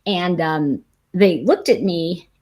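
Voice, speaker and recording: An American woman, a tarot teacher and host, tells stories on a casual livestream in a lowish, slightly mellow voice. She takes her time, rambling chattily and restarting often.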